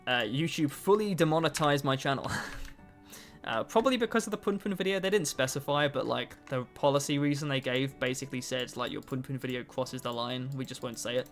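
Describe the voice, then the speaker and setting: A streamer in his twenties chats briskly with his livestream audience in a mid-pitched voice, joking at his own expense and answering chat between tasks. Faint music and keyboard typing sit underneath.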